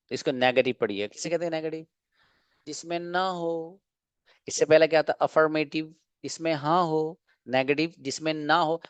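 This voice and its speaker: A man teaching an online English class, explaining slowly and asking and answering his own questions. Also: mid-range voice, clean tone, no echo, muffled recording.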